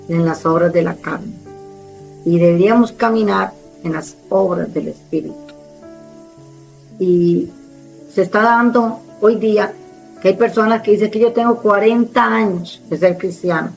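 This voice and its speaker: A woman evangelist preaching a sermon with a strong, forceful speaking tone, emphatic and direct, speaking with authority. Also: medium pitch, rough recording.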